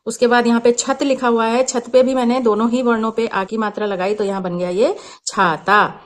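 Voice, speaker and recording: A woman hosting her own channel, explaining a children's worksheet slowly and patiently as a teacher, mixing in English words. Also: on the high side, steady tone.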